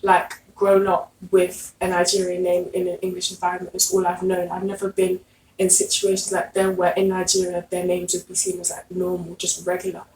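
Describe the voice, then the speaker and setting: A woman's voice: lowish voice, monotone, fairly quick, a little mellow. A young woman in a casual group discussion, speaking informally with lots of filler words. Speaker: guest. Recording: echoey room, distant mic, faint noise.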